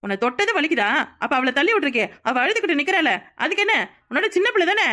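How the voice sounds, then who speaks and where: A woman voicing a quarrelsome young aunt in a family cartoon, arguing back in a shrill, scolding way. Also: animated, fast talker, pushed and bright.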